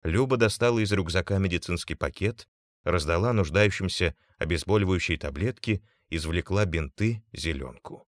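Low-voiced male audiobook narrator. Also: normal speed, no echo, clean studio sound.

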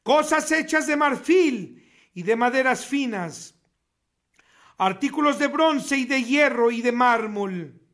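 A man preaching a sermon on the radio, reading scripture in a slow, emphatic, declamatory way. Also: extremely high pitch, animated, a bit bright. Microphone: radio studio mic.

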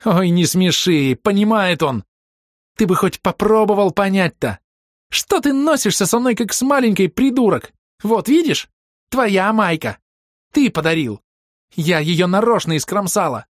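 A man voicing a wild, desperate young woman in an audiobook, shrill and taunting. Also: sing-song, normal speed, husky, dry recording, clean studio sound. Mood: furious shouting. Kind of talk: audiobook reading.

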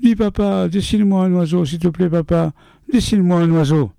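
A man's voice: high voice, fairly even intonation, a little fast, vocal fry, mellow, smooth, no room sound, pitched above the performer's own voice. A man voicing a small, curious boy who keeps pestering his father with questions in a storybook reading. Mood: pleading. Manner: pleading, repetitive questions.

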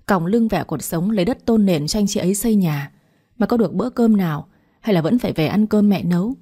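A woman's voice: on the low side, dark tone, natural voice. A woman voicing an aggrieved wailing wife. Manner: wailing, indignant. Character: aggrieved middle-aged village wife.

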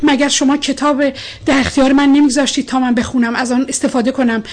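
A woman playing a defiant young woman poet, storybook, high husky voice. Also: flat delivery. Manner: defiant, pleading.

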